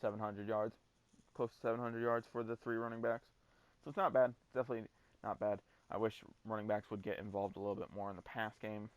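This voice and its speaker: A man's voice: lowish voice, little pitch movement, fast talker, dry recording. A man hosting a gaming video, talking through his football-game season in a laid-back, casual way and swearing now and then. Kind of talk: casual gameplay commentary.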